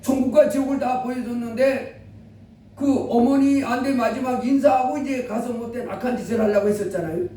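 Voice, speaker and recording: A man preaching a sermon, telling a story with animated quoted voices. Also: extremely high pitch, a little hiss or hum. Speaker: pastor. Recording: echoey room from a distance.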